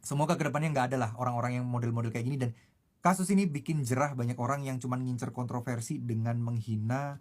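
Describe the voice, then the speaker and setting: Regular-pitched guy talking casually, lecturing his viewers. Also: quick pace, a little mellow. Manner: preachy, advising viewers. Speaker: commentator. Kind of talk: casual commentary.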